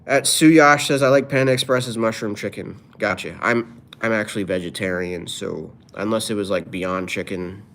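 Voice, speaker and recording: A man's voice: fairly low pitch, moderate pace, a bit bright. Playful man chatting on a live stream. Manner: playful, drops off-the-cuff rhymes. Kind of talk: casual live-stream chat, reading comments aloud.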